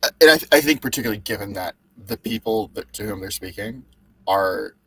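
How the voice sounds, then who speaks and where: A man co-hosting a casual writing critique, speaking in a measured, precise way in long, careful sentences. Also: fairly low pitch, animated, sharp tone, breathy edge, no room sound, poor audio. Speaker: co-host reviewing copywriting.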